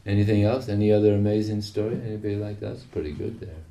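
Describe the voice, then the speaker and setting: A man's voice: on the low side, fairly even intonation, fast, warm tone. A man leading a group chat, prompting others for stories in an encouraging way. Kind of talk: casual chat. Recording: echoey room, distant mic, faint noise.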